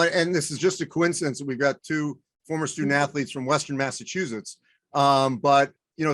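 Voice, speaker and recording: A man's voice: a little high, a bit bright. A man hosting an interview, asking loose, rambling questions full of fillers. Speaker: interview host. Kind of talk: conversational interviewing.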